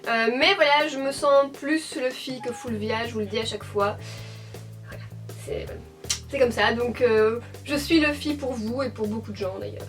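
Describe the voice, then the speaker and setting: Belgian woman, mid-20s, high voice, casual rambling YouTube chat, slightly off-mic with light music under. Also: normal speed, distant mic. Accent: Belgian French, Hainaut. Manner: chatty and rambling, with frequent fillers and self-corrections. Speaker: beauty YouTuber answering a tag. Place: at home, indoors.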